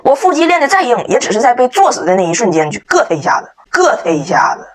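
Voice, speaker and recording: A woman's voice: on the high side, big pitch swings, fast. A woman, a vlogger telling a story to camera in a joking, emphatic way. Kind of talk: casual storytelling monologue.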